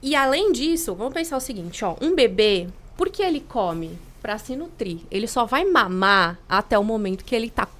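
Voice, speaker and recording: A woman's voice: a little high, sing-song, normal speed, hardly any pauses, a bit bright. A woman, a podcast guest, explaining patiently with everyday examples.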